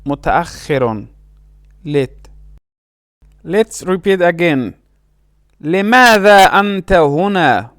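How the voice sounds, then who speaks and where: A man teaching a language lesson, saying short phrases slowly and carefully and repeating each word. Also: high-pitched, expressive, fairly bright tone, dry recording, studio quality. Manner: slow, careful pronunciation with repeated words.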